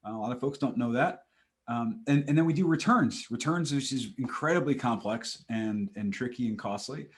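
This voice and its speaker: A middle-pitched man talks as a guest on a podcast from a room at home. He explains in a casual, slightly halting way and poses little questions as he goes. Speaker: podcast guest, marketing executive. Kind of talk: conversational explaining. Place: home room, video call.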